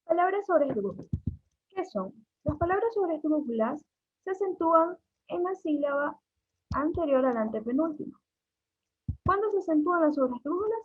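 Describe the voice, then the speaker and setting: A woman's voice: very high-pitched, expressive, moderate pace, pauses often. A young woman, a student, reading a class presentation and listing examples. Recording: tinny phone-like recording.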